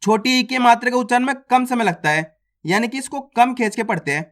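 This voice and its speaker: A man's voice: extremely high pitch, brisk, a bit bright. Man teaching the Hindi alphabet. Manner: asks the class questions and answers them himself; stretches out vowel sounds to demonstrate them. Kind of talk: online alphabet lesson.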